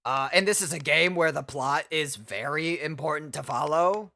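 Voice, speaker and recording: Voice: medium pitch, moderate pace, gravelly, pushed and bright, slight background noise. A game stream host chatting casually with viewers and friends, playful and dry in reactions. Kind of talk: casual livestream chat and reading aloud.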